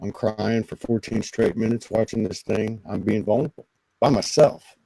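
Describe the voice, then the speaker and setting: A man, a guest on a spiritual talk show, telling a personal story in an earnest, emotional, halting way. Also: lowish voice, creaky, dark tone, no echo, rough recording. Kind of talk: personal storytelling in casual conversation.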